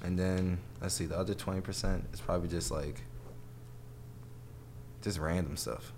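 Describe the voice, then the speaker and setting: A man's voice: low voice, fairly even intonation, moderate pace, a little mellow, a little hiss or hum. A young man talking casually as a podcast guest, rambling with fillers and easy laughs. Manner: laid-back, rambling with many fillers and laughs. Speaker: guest, online video creator.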